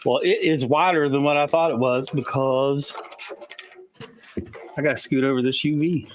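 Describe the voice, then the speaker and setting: A man's voice: mid-range voice, fairly even intonation, moderate pace, slight background noise. A man hosting a live-stream unboxing, narrating each step as he works and getting a little out of breath. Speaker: host unboxing a laser engraver.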